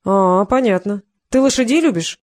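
A woman reader doing a tired, wry middle-aged investigator stuck in a hospital bed. He talks dry and gruff, with a bit of a grin in it. The audiobook voice is close to the mic, with a dead, dry sound. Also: high-pitched, lively intonation, moderate pace, dry recording. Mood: amused.

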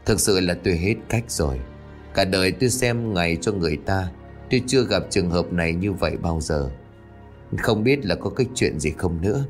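A man voicing a frail old village spirit medium who speaks in a slow, weary murmur. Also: sits low, faint music behind, close to an everyday voice. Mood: weary, uneasy.

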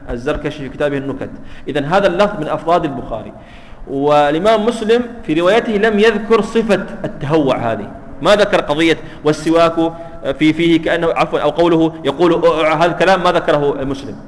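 A man's voice: fairly high pitch, in a large hall, slight background noise, low-quality recording. A man teaching a religious text lesson, explaining step by step and often checking that students follow. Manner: asks students "clear?" often, explains with repetition. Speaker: Islamic studies teacher. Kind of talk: hadith commentary lesson.

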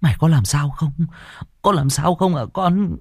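A man voicing a frantic, tearful old grandmother who calls out in a high, strained wail. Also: moderate pace, husky, no echo, studio quality. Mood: anxious.

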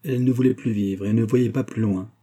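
A man reading a classic novel aloud in a measured, even storytelling manner. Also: on the low side, husky. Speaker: audiobook narrator. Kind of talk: scripted narration of a classic novel.

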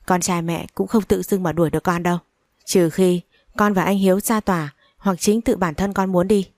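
A woman narrating a first-person family drama story in a steady reading voice. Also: fairly low pitch, moderate pace, no room sound, studio quality.

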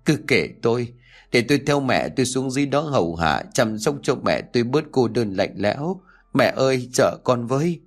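A man's voice: mid-range voice, lively intonation, normal speed, faint music behind. A man narrating a story who voices a scheming younger daughter-in-law in an indignant, argumentative manner. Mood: theatrical wailing.

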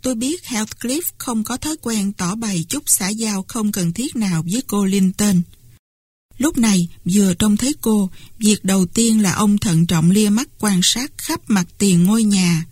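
A woman narrating a novel in the first person, in a steady storytelling manner, on a close microphone. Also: mid-range voice, measured pace, slightly rough, dry recording. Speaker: audiobook narrator. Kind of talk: scripted narration.

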